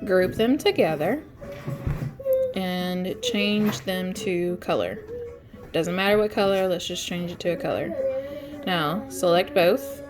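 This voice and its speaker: A woman's voice: on the low side, animated, slow, music in the background. A congested woman chatting through step-by-step instructions in a casual tutorial, with frequent ums. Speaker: craft tutorial host. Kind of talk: casual screen-share tutorial.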